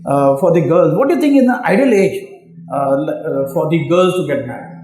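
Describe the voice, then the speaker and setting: A man with an Indian English accent, an interviewer putting formal questions and giving feedback in a measured way with pauses. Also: on the high side, expressive, darkish tone, faint music behind. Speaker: interviewer and coach. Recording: echoey room.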